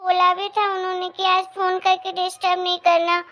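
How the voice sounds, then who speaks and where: A woman's voice: very high voice, monotone, normal speed, a bit bright, lo-fi sound. A woman voicing a young, dutiful daughter-in-law in a cartoon story, speaking politely and with worry. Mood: anxious. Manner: polite and worried.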